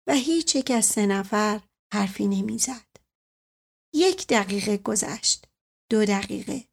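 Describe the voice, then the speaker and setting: Audiobook narrator, woman, measured and even delivery, slightly higher voice. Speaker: audiobook reader. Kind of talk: first-person story narration.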